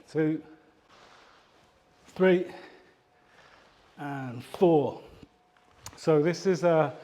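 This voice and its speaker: A man's voice: a little high, darkish tone. A man demonstrating tai chi kicks, explaining steps and counting reps while slightly out of breath. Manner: talks while moving, counting reps aloud. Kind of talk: instructional exercise demonstration.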